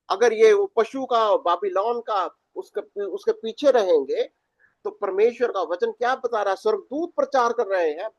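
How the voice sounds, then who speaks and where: A man's voice: sits high, a little mellow, no room sound, muffled recording. A man teaching a Bible study as pastor, mixing in English words and often restarting his phrases.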